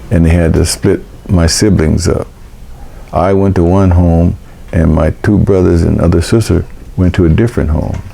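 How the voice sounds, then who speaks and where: An older man hosting a vlog, telling a personal story in a halting, emotional way with many restarts. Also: low voice, gravelly, warm tone, slight background noise. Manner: halting, repeats words and restarts; emotional recollection. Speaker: vlog host.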